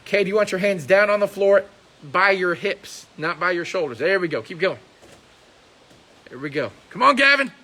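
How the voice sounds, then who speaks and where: A man teaching a karate class, shouting counts and commands and cheering students on, in a training hall with mirrors. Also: sits high, normal speed, pauses often. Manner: loud barked commands and upbeat encouragement. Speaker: karate instructor. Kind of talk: live coaching of a class.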